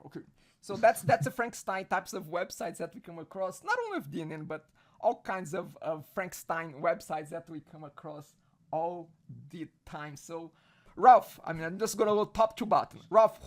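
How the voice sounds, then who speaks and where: A man hosting a casual online video chat. He laughs often and restarts his phrases. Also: sits high. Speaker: host.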